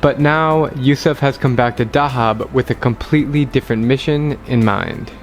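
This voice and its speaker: A man's voice: medium pitch, steady tone, moderate pace, soft background music. A man hosting a travel vlog, narrating and asking questions with an enthusiastic, upbeat manner. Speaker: travel vlogger host. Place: outdoors in a seaside town.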